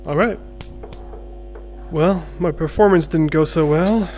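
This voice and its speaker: A man's voice: on the high side, slow pace, a little mellow. A man hosting a gaming video, giving casual, chatty playthrough commentary and reading screen text aloud. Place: indoor room at home. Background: game music.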